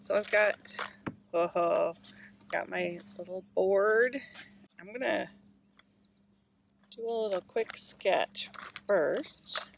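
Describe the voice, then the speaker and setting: A middle-aged woman chats away while she paints from a kayak out on a lake, thinking aloud and laughing at her own struggles. Her voice has a gravelly edge. She sounds warm from the sun and a bit winded, with a soft hiss of open-air noise behind her phone mic. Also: medium pitch, extremely slow, pauses often. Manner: chatty, self-deprecating, thinking aloud. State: hot, slightly out of breath. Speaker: watercolor artist. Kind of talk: casual chat while painting. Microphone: phone camera held in hand.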